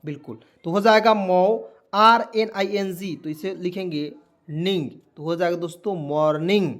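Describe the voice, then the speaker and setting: A man's voice: high-pitched, unhurried. A man teaching a spoken lesson, spelling words letter by letter and asking viewers questions again and again. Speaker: English teacher.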